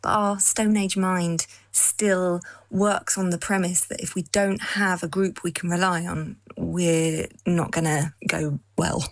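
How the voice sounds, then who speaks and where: A female psychologist in a London studio, explaining her field in an articulate, measured way. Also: on the low side, flat delivery, no room sound. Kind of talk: expert interview.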